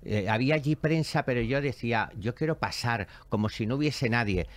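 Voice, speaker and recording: Hombre expresivo narrando anécdotas con teatralidad. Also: male voice, mid-range voice, brisk, dry recording. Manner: expressive, theatrical storyteller who acts out quoted voices. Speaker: show host, spiritual medium. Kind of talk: animated storytelling chat.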